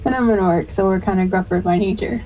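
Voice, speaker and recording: A woman's voice: medium pitch, quick pace, dark tone, rough recording. A woman chatting casually as a tabletop game player, thinking aloud.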